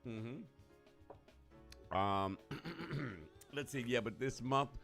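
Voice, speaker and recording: A man's voice: medium pitch, drawn-out words, vocal fry, fairly bright tone, faint music behind. A man hosting a live radio show, talking casually and colloquially and laughing often. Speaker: radio host.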